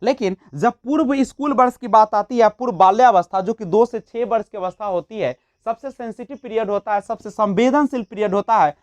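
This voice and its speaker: A woman's voice: medium pitch, no room sound. A woman teaching a child-development lesson for a teaching exam, asking questions and answering them herself, mixing English terms into her speech. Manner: mixes English terms into Hindi. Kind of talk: exam-prep lecture.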